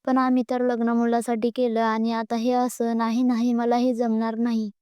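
A timid young bride fretting under her breath, voiced by a woman storyteller. The voice is smooth and fairly high, with a flat, dry sound. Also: moderate pace, dry recording, lo-fi sound, natural voice. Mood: frightened. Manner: fretful, muttering to herself.

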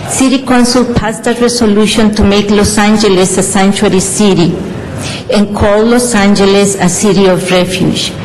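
Woman, middle-aged, measured earnest reading, council chamber with long reverb. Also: medium pitch, a little mellow, a little hiss or hum. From El Salvador. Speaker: community advocate giving testimony. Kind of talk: prepared statement read aloud.

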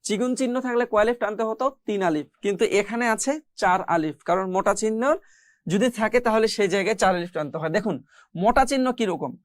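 A recitation teacher gives a step-by-step lesson, pausing to demonstrate by chanting long, held-out syllables. The voice is smooth and resonant, recorded close in a dry space with no room sound. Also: medium pitch, dry recording. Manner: explains rules slowly, then chants drawn-out Arabic syllables.

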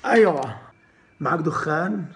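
A young man rants through a comic sketch. His voice sits a little high for a man. He sounds exasperated and brushes everything off. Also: lively intonation, a little slow, noisy background. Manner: exasperated, dismissive ranting. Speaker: comedian.

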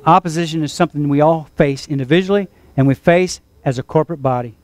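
A man's voice: on the high side, quick pace, no echo. A man preaching a sermon to his church, leading call-and-response and repeating phrases for emphasis. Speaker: pastor.

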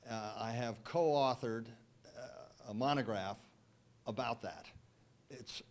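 An older man, a guest speaker, answering audience questions with wry, emphatic, measured replies into a handheld microphone in a wood-panelled banquet room. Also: mid-range voice. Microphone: handheld mic.

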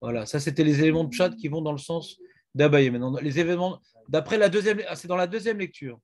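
A man's voice: fairly high pitch, fast talker, a little mellow. A man teaching a Talmud class, questioning and prodding his students.

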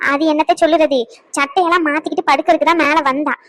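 A woman's voice: high voice, steady tone, quick pace, a bit bright. A woman voicing an anxious middle-aged mother in a cartoon, talking in a fretful, confiding way. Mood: worried. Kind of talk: cartoon voice acting.

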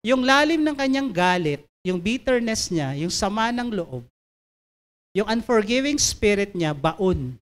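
A woman preacher giving an emphatic sermon, reading scripture slowly and asking listeners to turn to their neighbors. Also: mid-range voice, very animated.

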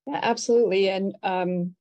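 A middle-aged woman speaks over a video call in a mellow, warm voice. She is a birding festival organizer, and she talks fluently and earnestly in a friendly panel format. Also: medium pitch, steady tone, moderate pace, highs cut off. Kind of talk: casual panel discussion.

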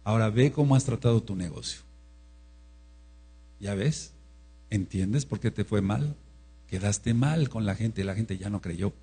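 Husky-voiced preacher, emphatic sermon. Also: male voice, on the low side, measured pace, pauses often. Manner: emphatic, repetitive, swings between hushed and loud.

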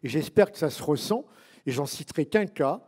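A man's voice: on the high side, lively intonation, moderate pace, darkish tone, breathy edge. A man who is one of a book's authors, answering an audience question at a public talk, digressive with wry asides and many fillers.

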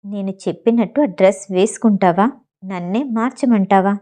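A woman voicing an obsessive, menacing young man who speaks low, quiet and cold. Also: moderate pace, natural voice. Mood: threatening.

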